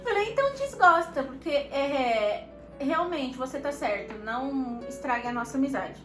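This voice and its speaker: A Brazilian woman casually telling a couple's story, lively and laughing often as she acts out what others said. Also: sits high, unhurried. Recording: echoey room with background music.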